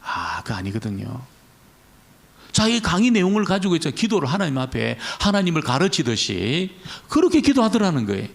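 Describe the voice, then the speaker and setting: Male pastor, fairly high and gravelly, conversational church sermon, echoes his key words. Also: wildly swooping pitch, brisk. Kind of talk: Friday prayer meeting sermon.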